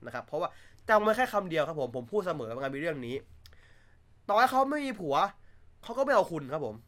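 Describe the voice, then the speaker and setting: Guy rambling on his stream, kinda high voice, blunt and cussing a lot. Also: very animated, very fast. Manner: blunt, crude joking, laughs often. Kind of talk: casual livestream chat.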